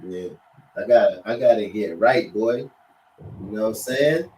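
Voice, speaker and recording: A man's voice: on the low side, measured pace, darkish tone, a little hiss or hum, poor audio. Rambling New man, late thirties. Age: late 30s. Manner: rambling, slangy, keeps checking in with the listener. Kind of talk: casual chat.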